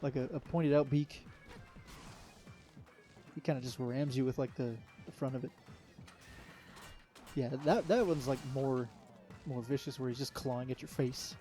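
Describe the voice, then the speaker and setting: A young man talks casually over his own gameplay, rambling and easygoing, often trailing off and starting over. His voice is mellow and soft-edged, and faint music plays underneath. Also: mid-range voice, measured pace, long pauses. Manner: rambling, easygoing, many fillers and restarts. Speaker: let's play commentator. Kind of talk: casual solo gameplay commentary.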